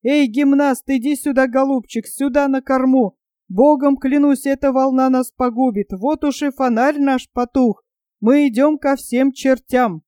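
A reader shouting as a gruff cursing monk. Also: high voice, fairly even intonation, a little slow, no room sound. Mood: angry. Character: gruff bold monk, shouting orders at sea.

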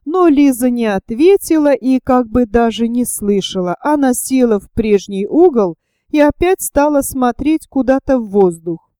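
A woman reading a literary novel aloud as an audiobook narrator, telling the story calmly and evenly into a close microphone. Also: fairly high pitch, moderate pace, clean tone, no room sound. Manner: calm, even storytelling. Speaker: audiobook reader.

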